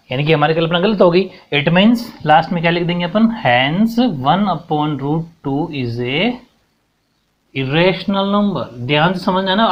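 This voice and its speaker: A young man teaching a school math lesson at the board, explaining each step and often checking whether the students follow. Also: sits high. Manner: explains step by step, mixing in English terms, keeps checking understanding. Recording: dull lo-fi recording.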